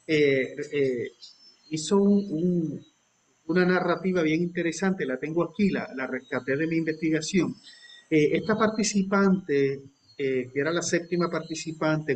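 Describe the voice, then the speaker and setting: A researcher joins a live panel over a video call, and his connection keeps breaking up and sounding choppy. His voice sits a bit high for a man, with a light hiss of noise behind him. He speaks hesitantly, with many fillers and restarts. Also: poor audio. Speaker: researcher guest.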